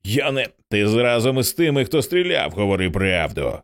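A man's voice: lowish voice, big pitch swings, moderate pace. A man reading the lines of a drunk, scared middle-aged husband in an audiobook, frantic and aggressive.

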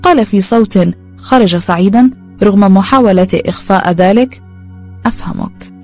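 A woman narrating a story in a calm, steady reading voice. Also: mid-range voice, a little fast, soft background music.

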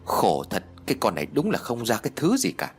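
A man's voice: mid-range voice, wildly swooping pitch, brisk, slightly rough. A man voicing a bitter older mother, scolding. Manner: scolding, resentful. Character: sharp-tongued older village mother, bitter. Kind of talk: audiobook character voice.

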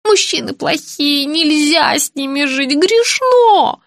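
A frail, confused old woman pleads in a high, quavering voice, as a woman narrator puts her on. She draws her words out slowly and swings widely in pitch, rising to anguished cries. The sound is close and dry. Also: lively intonation, no echo, full character voice. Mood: distraught.

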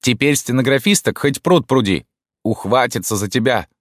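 A man's voice: mid-range voice, normal speed, no echo, clean studio sound, voice pushed up, close to an everyday voice. A man reading an audiobook voices a dignified middle-aged mother who answers curtly and coolly. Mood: curt, cold. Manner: curt, cool.

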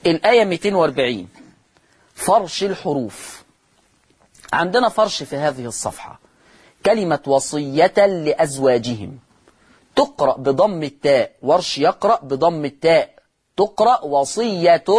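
A man with an Egyptian accent gives a televised lesson on recitation rules, his voice a touch high and husky. He repeats each key word, asks his own questions and then answers them. He stretches out the example words slowly and deliberately. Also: animated. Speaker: Quran recitation teacher.

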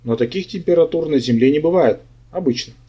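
A man's voice: fairly high pitch, a little fast, dark tone, slightly rough. A man narrating a humorous fantasy audiobook in the first person with a wry, sardonic delivery, in a dull lo-fi recording.

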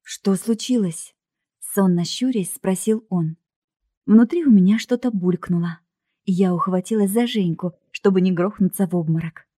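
Dark-voiced woman narrating an audiobook. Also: medium pitch, moderate pace, dry recording, clean studio sound. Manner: lively, expressive. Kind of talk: first-person audiobook narration.

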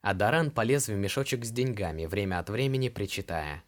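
A man narrating an audiobook in a steady, even reading voice. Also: fairly low pitch, a little fast.

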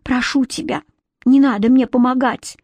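A woman doing a squeaky timid little fairy. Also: takes it slowly, no room sound, heavily acted. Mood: pleading.

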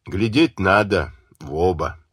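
A man's voice: deep voice, expressive, a little slow, fairly bright tone, slightly rough, dry recording, studio quality, full character voice. A man voicing a blunt, matter-of-fact revolutionary chairman. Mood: plain. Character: steady, tall village revolutionary chairman.

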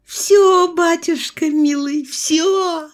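A woman's voice: very high voice, drawn-out words, pitched above the performer's own voice, exaggerated voice. A woman putting on a fawning sing-song peasant woman. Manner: flattering sing-song, lilting.

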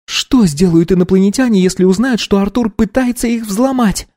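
A man's voice: high voice, normal speed, darkish tone, pitched above the performer's own voice, close to an everyday voice. A man reading an audiobook, voicing an anxious young woman protecting her brother. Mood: alarmed. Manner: insistent, alarmed. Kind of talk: audiobook character voice.

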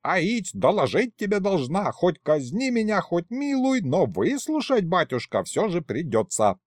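A man's voice: sits high, very animated, unhurried, no room sound, studio quality, pitched above the performer's own voice, heavily acted. A man voicing a folksy pregnant female kikimora clerk who uses old-fashioned rustic speech. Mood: pleading. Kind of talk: audiobook character voice.

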